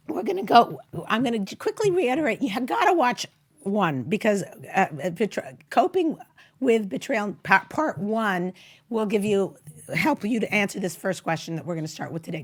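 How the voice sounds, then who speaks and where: A middle-aged woman hosts a chatty advice show in a husky, croaking frog voice. She sounds hoarse, and her pitch swings in a lively way as she stresses her points and throws out questions. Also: a little fast. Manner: animated, emphatic, conversational, with rhetorical questions. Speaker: talk show host. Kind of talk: informal advice talk show. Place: small indoor studio set. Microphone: close tabletop microphone.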